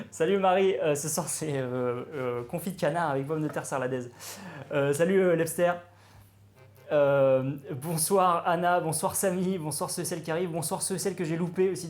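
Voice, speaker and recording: A man chatting excitedly with viewers while he cooks live, greeting and thanking them as he goes. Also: fairly high pitch, moderate pace. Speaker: cooking streamer. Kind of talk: live-streamed cooking chat.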